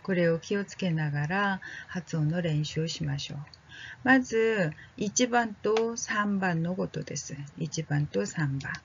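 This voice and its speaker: A woman teaching a friendly language lesson, slowly drilling vowels aloud and checking on her learners in a casual way. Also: on the low side, dull audio, slight background noise. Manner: casual and friendly, with fillers like "ano". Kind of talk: slow, gentle language lesson.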